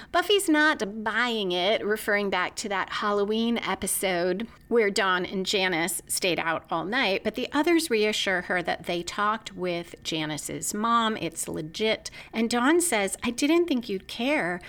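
A woman podcast host walks through an episode recap from her notes, marking the timestamps as she goes. She reads in a measured, analytical way, with her voice sitting at a middle pitch. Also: fairly bright tone. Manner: methodical, analytical, marks timestamps.

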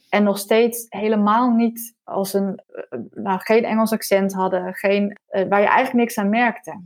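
A woman language researcher explaining her findings in an interview, thoughtful and a little hesitant. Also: medium pitch.

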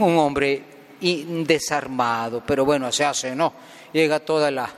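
A man preaches at Mass in a high, unhurried voice, folksy and full of jokes and questions for the congregation. The sound carries a long cathedral reverb with faint ambience behind him. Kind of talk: Palm Sunday homily. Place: large cathedral.

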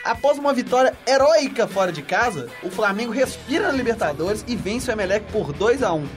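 A man's voice: sits high, expressive, fairly quick, over music. A man hosting a sports news round-up with casual banter. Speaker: sports show host.

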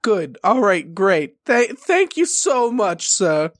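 A male tabletop player with a high voice and a dry, close sound. He improvises playfully, stammering through mock-polite questions and remarks. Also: big pitch swings, slow pace, a bit bright, no echo. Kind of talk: playful improvised role-play chat.

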